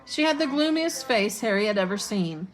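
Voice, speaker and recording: A teacher reading a storybook aloud. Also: female voice, medium pitch, normal speed, a little hiss or hum, low-quality recording. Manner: steady, expressive reading.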